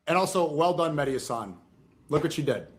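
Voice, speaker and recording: A man's voice: on the high side, lively intonation, brisk. A man in a played clip, ranting indignantly and speaking directly to his critics. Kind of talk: streamer rant.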